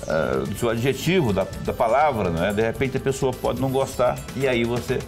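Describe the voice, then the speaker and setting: A Brazilian man hosting a TV talk show, chatting in a relaxed, folksy way with lots of asides. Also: mid-range voice, fairly quick, music in the background.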